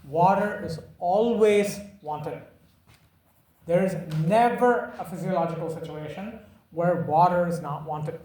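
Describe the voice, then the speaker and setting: A man's voice: high-pitched, a little slow, a little mellow. A man lecturing a class in an emphatic, teasing way, repeating key points and checking that students follow. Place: lecture room. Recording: echoey room from far off.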